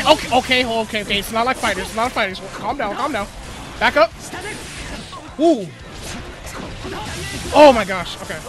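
Excitable young man shouting over a fighting game. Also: very high voice. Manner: talks himself calm with repeated okays. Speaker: gaming streamer. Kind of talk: live gameplay commentary.

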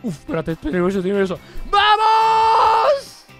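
A young man with a Spain Spanish accent commentates his gameplay, calling out to his viewers and yelling over his dice rolls. His voice sits very high and sounds bright and sharp, and it swings up and down a lot. Faint game music plays behind him. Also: big pitch swings, fairly quick. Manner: addresses viewers as "chavales", shouts at big rolls. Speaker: gaming youtuber.

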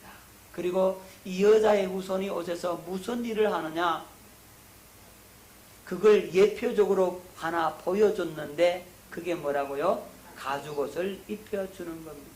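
A man's voice: steady tone, a little slow, darkish tone. Echoey Korean-style pastor preaching, a man. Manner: asks the congregation questions and answers them himself; rises in pitch and volume on emphasis. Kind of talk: sermon lecture with slides. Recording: echoey room.

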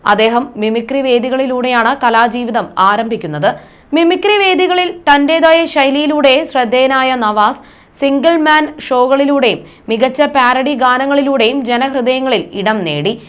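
A woman presenting a scripted news report in a formal, even reading style. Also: high voice, clean tone.

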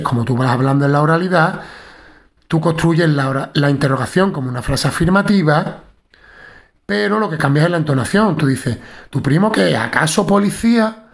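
A man's voice: a little high, gravelly. A male teacher walking students through a syntax lesson in an explanatory tone, often checking in with "¿vale?".

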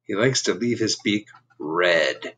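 A man in his fifties, his voice fairly low, expressive and a bit bright, reads a picture book slowly to children in a small home room. He tosses in simple, instructive asides, and there's a little hiss or hum on the recording.

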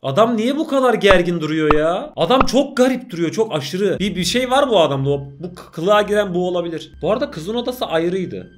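A man's voice: sits high, expressive, brisk, hardly any pauses, soft background music. A man commentating casually on a video he is watching, jumpy and exclaiming at the screen. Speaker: YouTuber reacting to a video.

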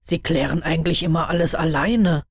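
A woman's voice: deep voice, brisk, husky, no room sound, clean studio sound. Subdued young wizard, read by a woman. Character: tired young male wizard, guarded, thoughtful.

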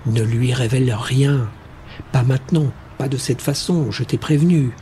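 Un homme lisant un jeune homme méfiant et dur. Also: male voice, normal speed, dark tone, a little hiss or hum, natural voice. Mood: guarded. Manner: low, controlled commands. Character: wary, stern young man, cold and guarded.

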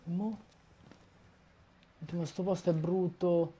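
A man's voice: mid-range voice, lively intonation, unhurried, mellow, slightly rough. A young man giving horror game commentary through a headset, jumpy and swearing at what he sees. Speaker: gaming YouTuber. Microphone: headset earphones. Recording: audible background noise.

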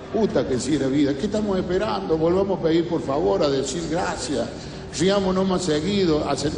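A man with a Cordobés Argentine accent doing a folksy comic monologue, telling stories slowly. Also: fairly high pitch, roomy sound, noisy background. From Córdoba, Argentina. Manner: folksy, storytelling, slow and relaxed. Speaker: stand-up comedian.

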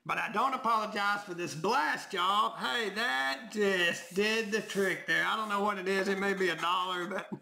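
Folksy hoarse-voiced man. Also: high-pitched, normal speed, few pauses, sharp tone. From Tennessee, US. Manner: folksy, talks to viewers as "y'all", reads numbers aloud. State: voice going hoarse. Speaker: lottery scratch-off vlogger. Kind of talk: casual commentary while scratching tickets.

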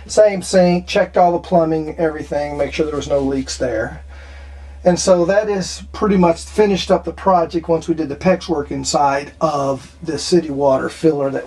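A man's voice: fairly high pitch, a little mellow, breathy edge. A man narrating a do-it-yourself repair tour, rambling with many fillers and restarts, filmed in a small RV bathroom. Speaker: RV renovation vlogger. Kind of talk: casual walkthrough narration.

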